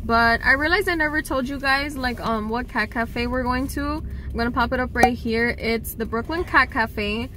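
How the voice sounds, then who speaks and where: A woman's voice: a little high, normal speed, hardly any pauses, bright, forceful tone. Chatty young woman vlogging from a car. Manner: chatty, lots of fillers and laughs. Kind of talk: casual vlog chat. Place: parked car, passenger seat. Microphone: camera on the dashboard. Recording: noisy car interior.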